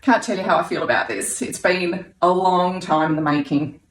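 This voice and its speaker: A woman giving an excited testimonial about her book, out of breath and gushing with delight. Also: on the low side, moderate pace, echoey room. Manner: gushing, elated.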